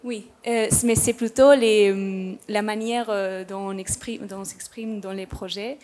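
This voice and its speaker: A woman's voice: mid-range voice, steady tone, a little slow, a little mellow. A woman from Madrid speaking French, a panel guest who searches for her words with many fillers. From Spain, Madrid. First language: Spanish. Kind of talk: panel discussion.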